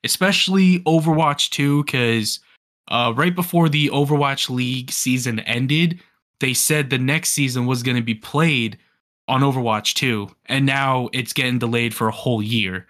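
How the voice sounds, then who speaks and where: A young man co-hosting a casual gaming podcast, talking excitedly and rambling with frequent restarts. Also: medium pitch, normal speed. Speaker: podcast co-host. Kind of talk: casual gaming news chat.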